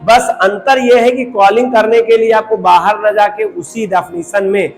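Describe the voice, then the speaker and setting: A man's voice: sits high, fairly even intonation, moderate pace, in a large hall, faint music behind, rough recording. A man teaching a recorded programming lecture, repeating points and asking rhetorical questions while he mixes English terms into his talk.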